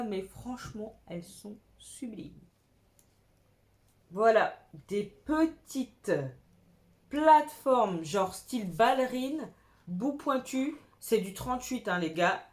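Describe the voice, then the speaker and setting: Young woman, fashion vlogger, chatty and gushing, unhurried delivery, casual slang. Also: a little high. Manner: chatty, enthusiastic, uses slang. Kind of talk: casual clothing haul chat.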